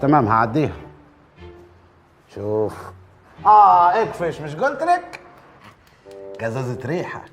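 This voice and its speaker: A man's voice: fairly high pitch, wildly swooping pitch, soft background music, exaggerated voice. An actor playing a nosy comic doorman who bosses the residents around, speaking with an Egyptian accent tinged with Upper Egyptian speech. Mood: bossy. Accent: Egyptian, Upper Egyptian flavor. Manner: brash, bossy, comic, quick. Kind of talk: TV comedy series acting.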